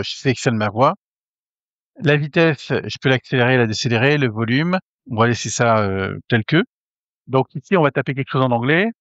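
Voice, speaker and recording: A man hosting a casual tutorial, hesitant with many fillers and restarts, getting excited as he talks. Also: mid-range voice, no room sound, lo-fi sound. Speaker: tech tutorial host. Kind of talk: casual screen-recorded tutorial.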